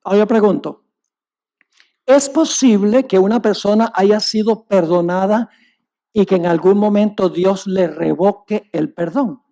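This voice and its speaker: A male pastor with a high, gravelly, mellow voice preaches a sermon at a measured pace. He tells a parable with emphasis, speaking straight to the congregation.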